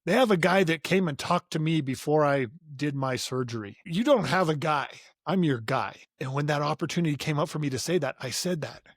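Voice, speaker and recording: A man's voice: on the high side, fairly quick, no echo, studio quality. A man speaking as a podcast guest in an earnest, motivational way, often repeating his first words as he starts a sentence. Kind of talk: conversational interview.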